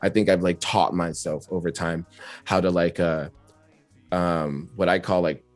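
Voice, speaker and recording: A man with a very low voice talks openly as a guest about his craft, rambling and laughing easily. The sound is dry and close, with faint music underneath. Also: fairly even intonation, unhurried, no echo. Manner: talkative, reflective, laughs often. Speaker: rapper guest. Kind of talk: casual interview chat.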